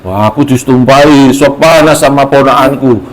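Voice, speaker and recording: Man voicing a stubborn old folk-tale trickster, smug and slow, mid pitch. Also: natural voice, rough recording.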